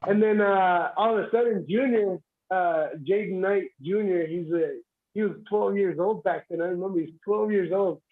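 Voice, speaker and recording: A man's voice: high voice, moderate pace. A man on a livestream telling a story about how he started armwrestling, with lots of restarts and fillers. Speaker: armwrestling competitor guest. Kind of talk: casual livestream chat. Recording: dull lo-fi stream audio.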